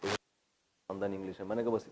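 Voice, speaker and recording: A man's voice: low-pitched, level tone, background noise. Pakistani-accented man teaching a grammar lesson. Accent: Pakistani Urdu. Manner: explains step by step, asks students questions, jokes. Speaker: religious teacher. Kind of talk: classroom Quran grammar lesson.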